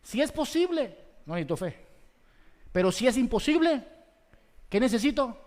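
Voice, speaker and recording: High-voiced pastor preaching in a reverberant hall. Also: male voice, very animated. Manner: preaching with sweeping swings between loud exhortation and soft slow emphasis; rhetorical questions to the congregation. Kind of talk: sermon. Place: church hall. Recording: long reverb of a large church hall.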